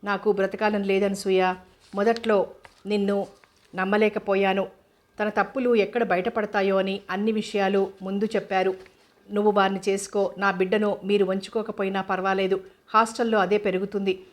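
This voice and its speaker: A woman reading the lines of a proud, wronged young wife in a storybook drama, in a flat, even way. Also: medium pitch, normal speed, lightly acted. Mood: despairing.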